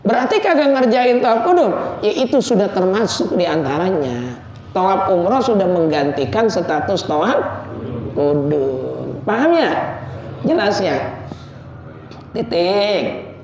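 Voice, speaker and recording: A man preaching, telling stories with jokes and loud emotional peaks. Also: high voice, sing-song, slow pace, crowd noise. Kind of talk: informal religious study talk. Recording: echoey room, dull lo-fi sound.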